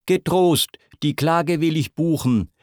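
A man doing a slow, pompous old king. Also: fairly high pitch, a little mellow, no room sound, studio quality, pitched above the performer's own voice. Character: fussy old king, bureaucratic and complacent.

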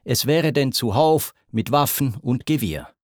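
A man's voice: mid-range voice, expressive, unhurried, dry recording, studio quality, lightly acted. A man voicing a group of desperate peasants pleading with their king.

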